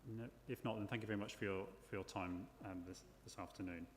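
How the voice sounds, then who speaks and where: A man presides over a formal hearing with a fairly low voice. He feels his way through questions, repeating words. The room is echoey and there is noise behind him. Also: fairly even intonation, fast. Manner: hesitant, often repeating words as he phrases questions. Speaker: planning inspector chairing an inquiry. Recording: echoey hall with clear background noise.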